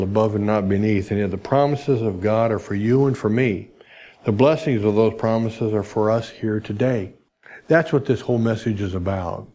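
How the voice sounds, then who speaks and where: A male pastor preaching a sermon in a conversational way, his voice climbing for emphasis and dropping low and soft for reflective points. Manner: conversational preaching with restarts and asides.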